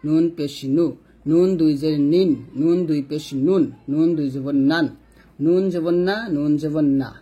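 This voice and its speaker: Guy teaching quran reading, chants the letter drills over and over, voice a bit high. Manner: chanting letter-and-vowel drills in a steady repetitive rhythm. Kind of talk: step-by-step spelling drill lesson.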